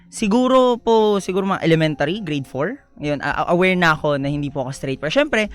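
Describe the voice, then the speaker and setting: A young man, a guest on a radio talk show, telling his life story in a soft-spoken, polite way, often slipping into English. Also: on the high side, expressive, fairly quick, clear, resonant tone. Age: young adult. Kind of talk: personal storytelling interview.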